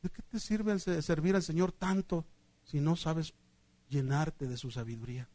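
A man with a Mexican accent preaches a sermon in a high, lively voice. He tells stories and acts out the voices of the people in them, going from loud, excited lines to quiet, hushed ones. The sound is dry and close, with no room echo. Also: normal speed. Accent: Mexican Spanish. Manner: animated storytelling, acting out voices, swinging from loud to hushed.

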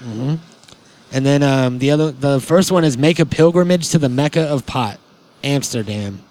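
A man's voice: medium pitch, moderate pace, a little mellow. Laid-back rambling man hosting a podcast. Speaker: podcast host. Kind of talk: casual chat.

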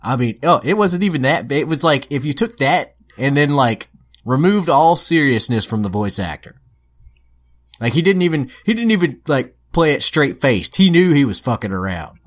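A man co-hosting a casual podcast chat, telling stories with swearing and lively animation. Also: on the high side, moderate pace. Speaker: podcast co-host.

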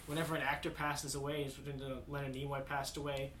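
A man joining a podcast conversation, explaining his point in a quick, eager way. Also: mid-range voice, level tone, a bit bright, a little hiss or hum. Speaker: podcast co-guest. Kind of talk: casual conversation.

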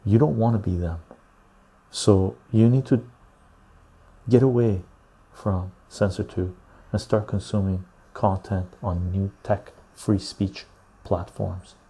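A man hosting a casual live stream into a clip-on lapel mic, chatting to viewers in a chill, husky, gravelly voice. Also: sits low, steady tone, dark tone. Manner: chill, unhurried talk addressed to viewers. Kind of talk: casual livestream chat.

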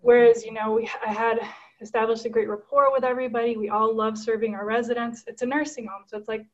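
Woman from guatemala on a video call, higher voice, kinda muffled audio, lots of ums and restarts, earnest. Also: flat delivery, fast. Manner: earnest, many fillers and restarts. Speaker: caller. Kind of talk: casual storytelling on a video call.

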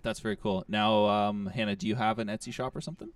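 A Canadian man co-hosting a podcast, upbeat, with quick asides. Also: on the low side, fairly even intonation, smooth. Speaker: podcast co-host. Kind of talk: casual chat. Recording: a bit distant from the mic.

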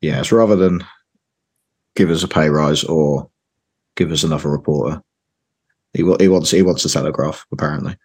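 A man with a low, husky and hoarse voice talks casually as a guest on a football podcast. He hesitates and repeats words as he goes. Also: moderate pace, pauses often, darkish tone. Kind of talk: casual chat.

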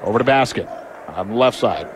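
A man's voice: fairly low pitch, expressive, a little fast, a crowd in the background. A man giving live play-by-play commentary on a basketball game. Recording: clear background noise of the game.

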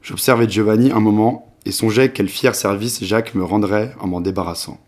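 A man in his late twenties, reading a novel aloud in a measured, expressive way. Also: lowish voice. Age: 20s. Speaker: reader.

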